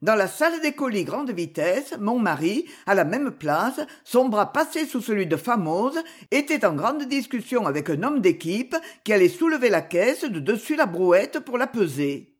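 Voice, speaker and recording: Lively, expressive woman narrating a story. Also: medium pitch, normal speed, few pauses, breathy edge. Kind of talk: scripted audiobook narration.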